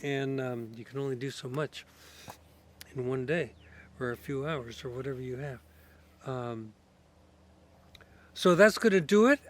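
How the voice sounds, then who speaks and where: A sick, coughing man rambling casually outdoors in his garden for his vlog, his voice going hoarse. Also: medium pitch, slight background noise. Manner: rambling, many fillers and restarts. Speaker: garden vlogger.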